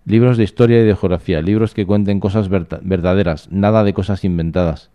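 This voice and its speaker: A man reading the flat, blunt lines of young twin boys in a storybook reading. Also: low voice, brisk, close to an everyday voice. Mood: deadpan.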